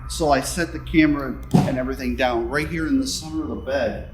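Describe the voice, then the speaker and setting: A man's voice: mid-range voice, fairly quick, over loud music. A man talking casually to camera as a paranormal investigator, rambling and self-deprecating. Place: stuffy indoor upper room.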